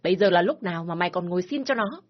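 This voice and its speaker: A woman voicing a stern, domineering older father who shouts and scolds harshly, in a spoken story. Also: fairly low pitch, expressive, very fast, muffled recording. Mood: furious shouting.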